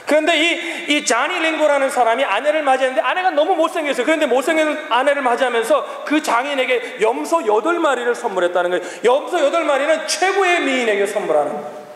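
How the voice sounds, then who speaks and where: A man in his forties preaching a sermon to a congregation, emphatic, addressing them often and swinging from loud exclamations to low asides. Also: lively intonation, fast. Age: 40s. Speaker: pastor. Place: large church hall. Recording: echoey hall, long reverb.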